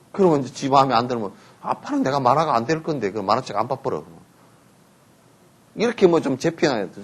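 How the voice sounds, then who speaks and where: A man giving a Buddhist sermon, telling stories, acting out parents and children in quotes, and often asking listeners to agree. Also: medium pitch. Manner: lively storytelling, acts out parents and children in quotes, asks listeners for assent. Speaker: Buddhist teacher giving a dharma talk.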